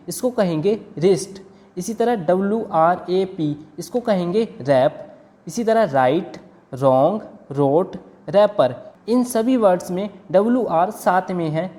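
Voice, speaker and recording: A woman teaches a language lesson at a patient pace, spelling out each word letter by letter. Her voice is mellow and warm, sitting at an ordinary middle pitch. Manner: slow, careful spelling out of letters. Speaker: English teacher. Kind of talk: lesson explaining silent letters.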